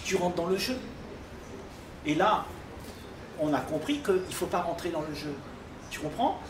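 An older man speaking at a public dialogue in a library, calm and teaching, often checking he is understood. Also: high-pitched, measured pace. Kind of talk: spiritual dialogue with audience. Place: library reading area, indoors. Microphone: far room microphone. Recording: echoey room, distant mic, noisy.

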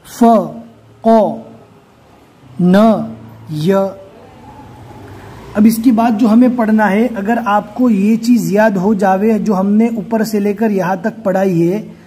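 A man teaches Quran reading, sounding each letter out with patient care. His voice sits fairly high for a man, but the tone is mellow and a little husky. He speaks slowly. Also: steady tone. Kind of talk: slow, step-by-step recitation lesson.

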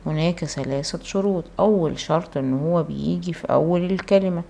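A woman teacher with an Egyptian Arabic accent, giving a primary school language lesson. She reads each word slowly and drawn out, then explains quickly and asks the pupils questions. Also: fairly low pitch, creaky, dark tone, slight background noise. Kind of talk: recorded classroom lesson.

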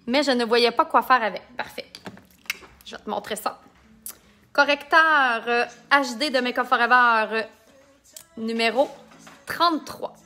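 A woman's voice: on the high side, measured pace, long pauses, bright, forceful tone, faint music behind. A woman with a Québécois accent, chatting and joking while she demonstrates makeup in a casual live tutorial and reads out viewer comments. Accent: Québécois French. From Quebec.

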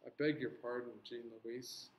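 A man's voice: mid-range voice, fairly even intonation, unhurried, reverberant, slight background noise, lightly acted, rough recording. A man voicing a prim young female schoolteacher who grows impatient with her pupils. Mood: puzzled.

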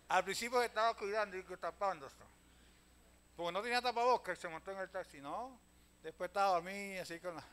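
A man, a pastor telling stories in a sermon, swinging from loud calls to hushed asides and often addressing listeners as brother. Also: sits high, a little fast, pauses often. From Venezuela. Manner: storytelling preacher, swings from loud calls to hushed asides, keeps saying "hermano".

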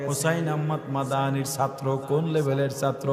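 A man preaching a sung sermon at a religious gathering. He moves between slow, drawn-out speech, chanting and loud calls. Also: mid-range voice, level tone, crowd noise. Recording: echoey hall with music behind.

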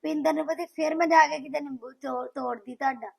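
A Punjabi woman with a high voice plays a defensive sister-in-law in a village drama. She protests and argues her side with insistence. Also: steady tone, a little fast, gravelly. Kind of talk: scripted village family drama.

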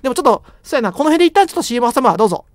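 Fast-talking, jokey Kansai-accented young man. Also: very high-pitched, big pitch swings. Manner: joking, rambling, self-deprecating banter. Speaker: game streamer. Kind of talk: horror game let's play commentary.

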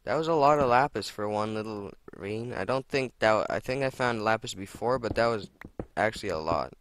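A young man with a lowish voice talks through his gameplay in a loose, chatty way. He swears and exclaims freely at every find and mishap. A faint hiss sits under his desk mic. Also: brisk. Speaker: let's play gamer. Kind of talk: casual gameplay commentary.

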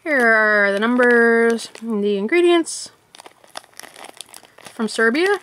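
A woman's voice: on the high side, animated, takes it slowly, fairly bright tone, slight background noise. A woman chatting casually as she unwraps and tastes snacks for a vlog, thinking aloud as she goes. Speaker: vlogger.

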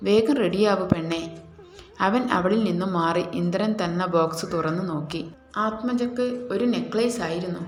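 A woman's voice: lowish voice, normal speed, roomy sound, soft background music. A woman with a Malayali accent reading a romance story aloud, voicing both the husband and the wife in the dialogue. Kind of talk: scripted romance narration.

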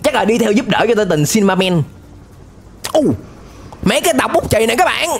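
A man gives excited reaction commentary, often shouting and dropping English exclamations. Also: high-pitched, a little fast, faint music behind. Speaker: YouTuber reacting to an animated series.

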